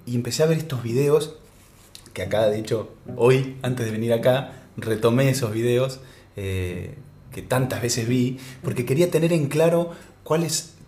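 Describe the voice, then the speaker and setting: A man in his thirties with an Argentine accent, a voice actor talking in a relaxed interview, reflective and often restarting his sentences. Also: medium pitch. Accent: Argentine Spanish. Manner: reflective, halting with many restarts. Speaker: voice actor guest. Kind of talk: casual interview chat. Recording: echoey room with faint music.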